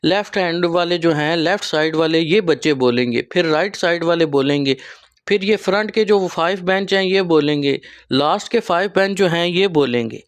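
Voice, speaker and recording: Pakistani-accented male trainer, high voice, unhurried explainer with many pauses. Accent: Pakistani Urdu. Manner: explanatory, with frequent pauses and fillers. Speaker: teacher trainer and channel host. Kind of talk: explaining training material to teachers.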